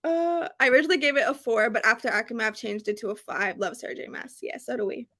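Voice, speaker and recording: A woman hosts a live book readalong stream, chatting casually and excitedly in a fairly high voice at a quick pace. She gushes emphatically and tends to repeat herself.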